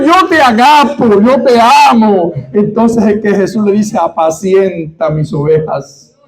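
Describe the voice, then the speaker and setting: A man with a Puerto Rican Spanish accent preaching a sermon, speaking straight to his congregation with rhetorical questions and building to fervent, near-shouted peaks. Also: very high voice. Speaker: pastor.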